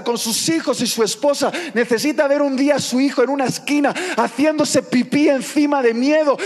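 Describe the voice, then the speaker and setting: High-voiced man preaching in a hall. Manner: dramatic, acts out quoted people with big swings in pitch and volume. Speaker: pastor. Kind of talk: sermon.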